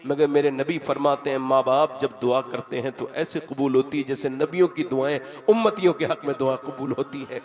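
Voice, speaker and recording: A man preaching an impassioned religious sermon, dramatic and emotional, swinging between loud exclamations and hushed appeals. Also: mid-range voice, moderate pace, few pauses. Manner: addresses the audience directly.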